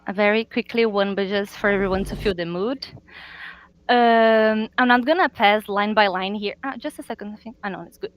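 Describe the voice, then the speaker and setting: A woman from a marketing team presenting results on a video call, earnest and halting, with frequent fillers. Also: mid-range voice, highs cut off, background noise. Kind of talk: business presentation.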